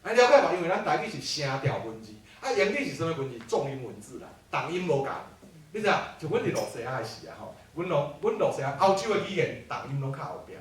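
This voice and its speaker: A man lectures a class in an animated way, often throwing rhetorical questions at the room. His voice is high and swings widely in pitch. It comes from far off in a strongly echoing hall. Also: fast talker.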